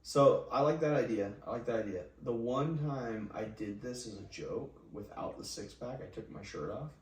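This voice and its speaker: A man's voice: medium pitch, normal speed, slight background noise. A young man co-hosting a podcast with casual, crude, teasing banter. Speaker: podcast co-host. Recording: echoey room, distant from the mic.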